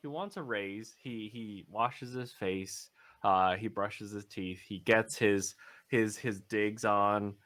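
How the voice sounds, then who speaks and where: A man's voice: fairly low pitch, steady tone, slow, a bit bright. A man playing a tabletop role-play game, casually narrating his character's morning with rambling restarts. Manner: rambling, with many restarts and laughs.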